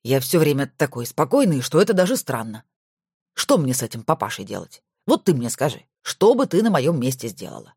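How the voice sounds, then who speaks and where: Grumbly nervous boss guy, low and muttering, woman putting him on, audiobook. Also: very animated, a little fast, darkish tone, husky, no room sound, studio quality, heavily acted. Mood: grumbling. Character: grumpy middle-aged male boss, pygmy hippo.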